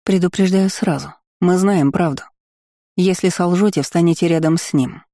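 A stern young noblewoman from an audiobook fantasy tale, commanding and cold as she presses for an answer, as a male narrator puts her on. Her voice is lifted higher than his usual tone but stays mellow. The read is dry and close. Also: moderate pace, no echo. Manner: commanding, threatening.

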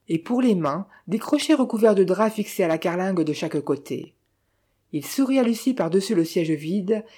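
A woman narrating a novel in a measured, even reading style. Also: medium pitch.

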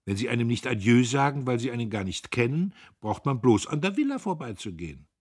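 A man's voice: mid-range voice, big pitch swings, a little fast, darkish tone, breathy edge, no room sound, clean studio sound, voice pushed up. A man voicing a spiteful young woman who gossips with triumph. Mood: triumphant.

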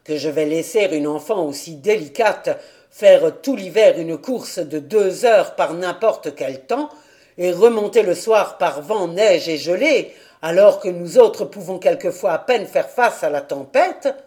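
Defiant, gruff old grandfather in a storybook reading; a narrator puts him on, loud and unbending. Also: medium pitch, animated, a little slow, close to an everyday voice. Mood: agitated. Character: stubborn old mountain grandfather. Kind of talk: audiobook character reading.

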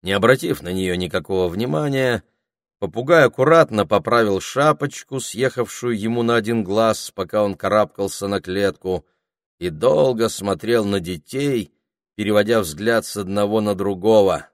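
A man narrating a children's storybook in an expressive reading voice. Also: lowish voice, normal speed, dry recording, clean studio sound. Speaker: audiobook reader.

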